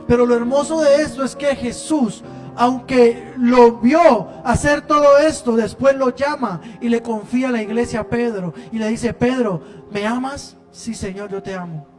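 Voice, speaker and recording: Preacher guy, really high voice, goes loud then hushed, music faint behind. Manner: impassioned, swings between loud emphasis and hushed lines. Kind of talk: sermon. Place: church service.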